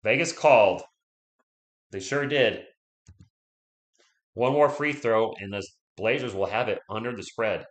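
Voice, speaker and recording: Cheering on the Spurs, this man gives casual fan play-by-play on a live stream while his voice goes hoarse and gives out. Between calls he chats with viewers and reads their comments aloud. His voice sits on the low side and he speaks unhurriedly with long pauses, in a room with a noticeable echo.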